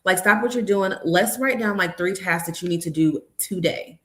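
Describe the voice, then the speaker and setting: A woman's voice: on the low side, normal speed, a bit bright. A woman in her thirties, a nurse educator and mother, speaking candidly as an interview guest and telling stories with quoted dialogue. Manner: candid, storytelling, acts out dialogue with her daughter. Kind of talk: conversational interview. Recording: echoey room.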